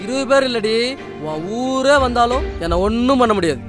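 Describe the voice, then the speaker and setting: Drunk village husband played by a man, rough taunting voice, loud music behind. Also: very high-pitched, animated, moderate pace. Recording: film dialogue under loud music.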